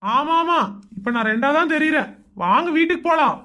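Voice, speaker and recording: A performer with a high-pitched, animated, bright, and forceful voice plays a young husband in a Tamil cartoon. Exasperated, he grumbles sarcastically about his in-laws in quick bursts of complaint.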